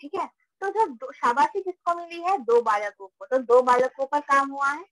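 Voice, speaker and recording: Woman, teacher, high voice, dry close sound, patient, repeats and checks in. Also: normal speed, a bit bright, dry recording, poor audio. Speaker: Sanskrit teacher. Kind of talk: live online class teaching.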